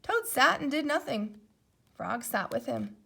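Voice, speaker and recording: A woman narrates a children's storybook. Her voice is high and very expressive in pitch, and she takes her time over each sentence. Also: unhurried, gravelly, breathy edge. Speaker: storybook reader.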